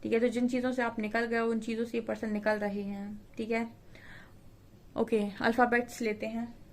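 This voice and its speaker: Woman, tarot reader, fairly high voice, flat delivery, chatty explaining. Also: moderate pace. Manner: conversational, explaining card meanings to viewers. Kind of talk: tarot reading monologue.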